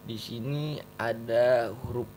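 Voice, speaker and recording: A man teaching Quran recitation in a slow tajwid lesson, patiently repeating syllables for the learner. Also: mid-range voice, fairly even intonation, a little mellow, a little hiss or hum, low-quality recording. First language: Indonesian.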